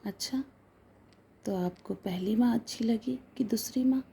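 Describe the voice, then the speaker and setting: A woman voicing a gentle father of two who softly questions his young son in a told story. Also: on the high side, unhurried, creaky, husky, heavily acted. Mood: questioning.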